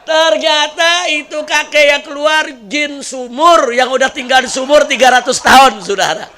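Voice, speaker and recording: A man preaching a sermon, telling lively stories with jokes and questions to the audience. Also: very high-pitched, normal speed.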